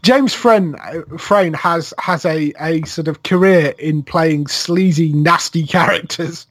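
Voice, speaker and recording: A man's voice: fairly high pitch, slow, a bit bright, no room sound. A man in casual chat reviewing a TV series, agreeing often and listing details at length. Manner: affirming with frequent "yeah", lists facts at length. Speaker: podcast co-host.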